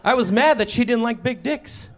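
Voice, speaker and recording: A man doing a stand-up comedy set on stage, telling a story with lively delivery and acting out the voices of the people in it. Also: very high-pitched, normal speed. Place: comedy club stage before a live audience.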